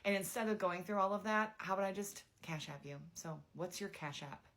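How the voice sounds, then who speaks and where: A young woman casually telling a dating story, chatty and animated, with lots of filler words. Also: medium pitch, fairly quick.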